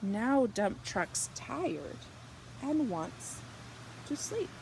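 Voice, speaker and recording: A woman reading a picture book aloud to young children, expressive and animated, drawing out her words and softening for bedtime lines. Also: on the high side, creaky, slight background noise, poor audio. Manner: slow, animated delivery with drawn-out words and hushed, whispered good nights. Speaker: children's storybook reader.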